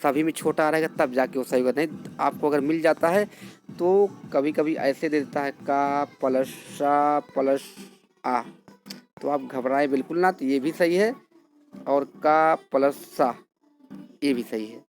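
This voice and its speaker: A man's voice: a little high, normal speed, darkish tone. A man teaching Hindi grammar, explaining step by step and asking and answering his own questions. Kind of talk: classroom lesson.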